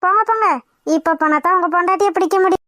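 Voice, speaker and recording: A woman's voice: extremely high pitch, rapid-fire, pushed and bright. A woman doing a bossy, teasing young cartoon sister-in-law.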